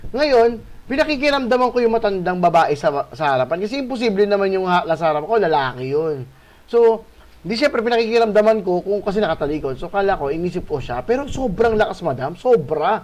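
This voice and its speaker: A male host telling a spooky encounter in a casual, animated way, swearing and adding tag questions. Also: high-pitched, a little fast. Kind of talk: casual storytelling of a ghost encounter.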